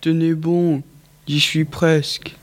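A man's voice: fairly high pitch, little pitch movement, slow. A man voicing a determined, eager female cow in a children's audiobook, speaking firmly and insistently.

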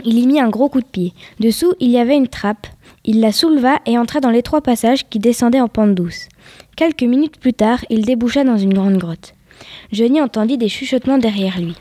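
A woman's voice: a little high, brisk, warm tone, no room sound. A woman reading a suspense story aloud, sometimes sinking into a whisper at tense moments. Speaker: story reader.

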